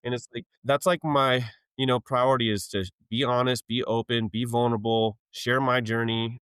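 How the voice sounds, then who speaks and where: A man's voice: medium pitch, flat delivery, moderate pace, fairly bright tone, smooth, no room sound, clean studio sound. A man being interviewed on a podcast, talking openly and earnestly in a casual, slangy way. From Arizona. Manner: open, earnest, vulnerable, uses slang like "dope" and "yo". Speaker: storm chaser guest.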